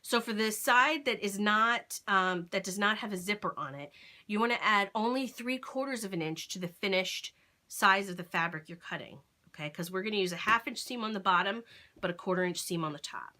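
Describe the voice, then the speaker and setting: A woman's voice: medium pitch, fairly quick, sharp tone. A woman hosting a casual sewing tutorial, explaining each step aloud and checking in with "okay?" as she works. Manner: thinks aloud while sewing, with fillers and self-corrections. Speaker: crafting tutorial host.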